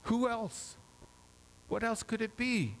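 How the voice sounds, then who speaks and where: A man preaching voices Peter, a fisherman disciple, speaking his words in a raised, excited tone. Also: extremely high pitch, slow, voice pushed up, heavily acted. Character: fisherman disciple Peter, startled then eager.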